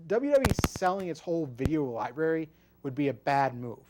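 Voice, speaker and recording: A man's voice: on the high side, big pitch swings, fairly quick, background noise. A man co-hosting a wrestling podcast, explaining in a rambling way and often restarting his words. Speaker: podcast co-host. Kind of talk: casual wrestling podcast chat.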